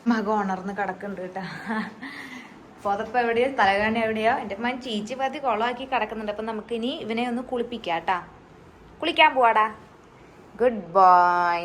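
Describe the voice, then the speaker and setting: A woman's voice: on the high side, fast talker, slight background noise. A mother chatting in a casual home vlog, cooing baby talk to her son in a mix of Malayalam and English. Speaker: mother vlogging her baby's day.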